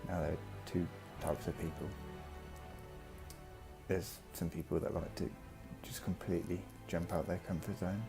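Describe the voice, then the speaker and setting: Deep, gravelly man telling his story. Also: level tone, moderate pace. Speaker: vlogger. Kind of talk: personal vlog monologue, reflective storytelling. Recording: music behind the voice.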